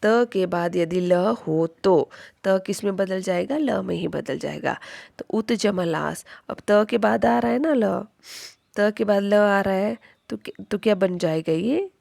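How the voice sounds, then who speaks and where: Slow, gravelly-voiced woman teaching grammar. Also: medium pitch, darkish tone, dry recording, clean studio sound. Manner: repeats each rule as a question, then answers it. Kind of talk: Hindi grammar lesson.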